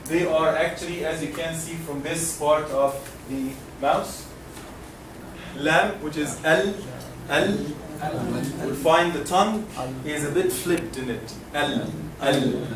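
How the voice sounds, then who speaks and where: Speaking slowly in a high-leaning voice, a man from Egypt walks a class through Quran recitation, patiently modeling sounds for students to repeat. It's a call-and-response lesson in a lecture classroom, recorded from afar amid noise and room echo.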